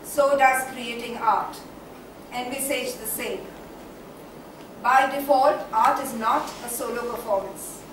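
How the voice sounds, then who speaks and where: In a very echoey hall, captured from a distance with faint noise, a woman acting on stage voices a whimsical female poet reflecting aloud on art in a grandiose, musing mood. Her high voice keeps a steady tone while she declaims dramatically, repeating words for emphasis and stretching out phrases in this poetic recitation.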